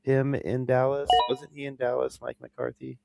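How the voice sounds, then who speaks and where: A man co-hosting a live fantasy football draft chat, excitable and slangy, laughing easily. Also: medium pitch, moderate pace, creaky. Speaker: fantasy football podcast co-host.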